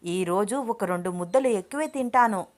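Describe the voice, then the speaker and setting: A woman's voice: mid-range voice, normal speed, lightly acted. A woman voicing a playful, cheeky young woman with a teasing, bubbly way of talking.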